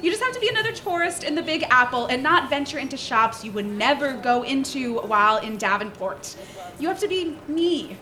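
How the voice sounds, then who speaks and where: Pitched high and swinging widely, this actress's bright, forceful voice is deliberately exaggerated. Onstage in a live radio drama, she portrays an embarrassed, flustered Midwestern mother from Iowa, middle-aged, nervous and determined, who talks sternly, haltingly, with nervous laughs.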